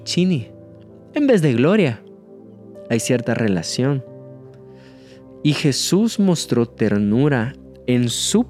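A man preaching a sermon, earnest and slowing down to stress key phrases, with light jokes. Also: mid-range voice, a little mellow.

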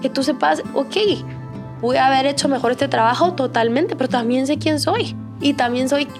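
A woman's voice: high-pitched, normal speed, music in the background. Conversational woman pastor. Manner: warm conversational, many fillers and restarts. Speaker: pastor and podcast co-host.

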